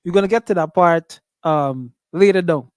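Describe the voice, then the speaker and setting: A man hosting an interview, welcoming his guest and asking questions in an unhurried way, backing answers with "mm" and "nice". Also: high-pitched, no echo. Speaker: interview host.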